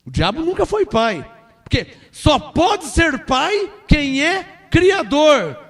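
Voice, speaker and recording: A man preaching a sermon as pastor, forceful and emphatic, pressing the congregation with rhetorical questions. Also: very high-pitched, very animated, slow.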